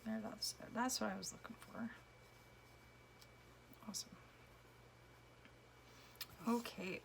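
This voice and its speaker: A woman giving casual commentary while making a collage, a little hoarse as she loses her voice, dropping to a whisper as she works. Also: medium pitch, fairly even intonation, slow, slight background noise. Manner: chatty, drops to a whisper while working. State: losing her voice. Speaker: collage artist.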